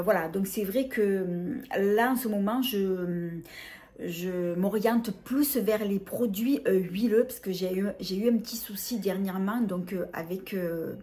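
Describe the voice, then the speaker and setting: A middle-aged woman presenting a casual beauty haul, talking hesitantly with many fillers and restarts. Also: medium pitch. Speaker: beauty vlogger.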